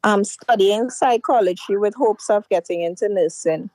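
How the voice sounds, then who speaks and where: A woman's voice: medium pitch, normal speed, darkish tone, dry recording, low-quality recording. A young woman from Trinidad calling in, heard over a dry line. She lays out her situation in careful detail. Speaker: caller.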